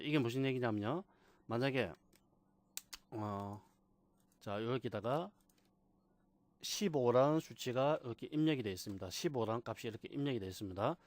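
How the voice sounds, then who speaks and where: A man teaching a software class, patiently repeating key terms and asking rhetorical questions. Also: medium pitch, dry recording. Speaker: computer instructor. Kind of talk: screen-recorded software tutorial.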